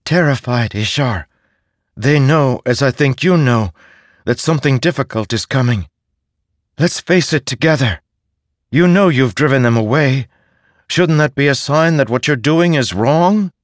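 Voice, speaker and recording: A man's voice: mid-range voice, expressive, a little slow, no echo, clean studio sound, pitched above the performer's own voice, natural voice. A man voicing a small female spirit who speaks urgently and pleadingly.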